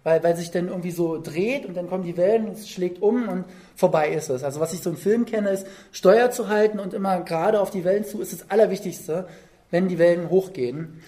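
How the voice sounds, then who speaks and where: A preacher talks through a Bible passage in a loose, chatty way, painting the scene with lively storytelling. The delivery is informal and full of small check-in questions to the listeners. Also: medium pitch, brisk. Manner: conversational, vivid storytelling with tag questions. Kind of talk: sermon.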